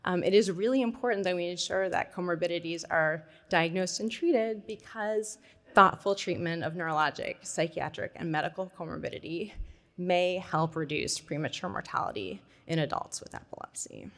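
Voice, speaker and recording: A woman's voice: lowish voice, normal speed, a bit bright. A woman giving a conversational conference presentation, thinking aloud with fillers. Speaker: conference speaker.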